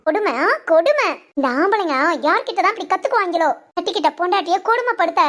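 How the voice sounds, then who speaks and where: A woman voicing a sharp-tongued young wife in a Tamil cartoon, bickering and theatrically complaining. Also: very high-pitched, lively intonation, quick pace. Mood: aggrieved. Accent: Tamil Nadu Tamil. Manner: bickering, dramatic. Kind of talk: cartoon voice acting.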